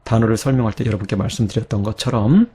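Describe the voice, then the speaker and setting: A man teaching a recorded grammar lecture, reading word forms aloud slowly and patiently checking that listeners follow along. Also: lowish voice, warm tone, husky. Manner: patient, coaxing, checks understanding with "자" and "그쵸?".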